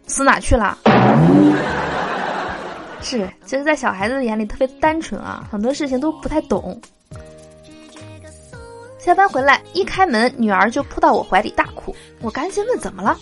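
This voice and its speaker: A woman hosting a podcast, reading jokes aloud in a casual, lively way and laughing at her own punchlines. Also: sits high, a little fast, soft background music. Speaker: podcast host telling jokes.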